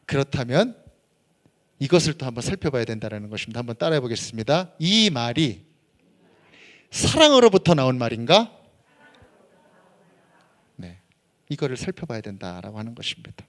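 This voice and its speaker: A man's voice: medium pitch, a little fast. A man preaching as a pastor, leading his congregation in reading scripture aloud and acting out everyday scolding. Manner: animated, acts out everyday scolding. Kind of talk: sermon.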